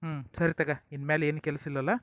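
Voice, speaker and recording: A man's voice: a little high, little pitch movement, fast, dry recording, muffled recording. A man with a North Karnataka accent acting in a family comedy skit, folksy and coaxing, sometimes stern. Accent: North Karnataka Kannada.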